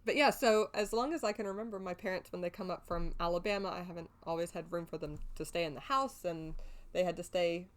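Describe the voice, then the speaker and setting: A woman in her forties with a cold co-hosting a casual podcast, talking in a relaxed, matter-of-fact way. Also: lowish voice, quick pace. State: has a cold. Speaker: podcast co-host. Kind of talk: casual chat.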